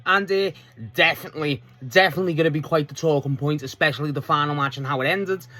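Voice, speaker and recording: A man's voice: fairly high pitch, quick pace, pushed and bright. A man casually reviewing a wrestling show, chatty and swearing freely as he retells scenes.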